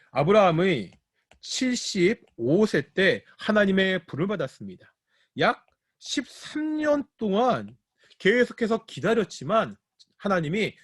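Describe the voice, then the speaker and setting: A man's voice: high-pitched, husky, no room sound, studio quality. A male pastor teaching a Bible study sermon, often asking the congregation questions and then answering them himself. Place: church.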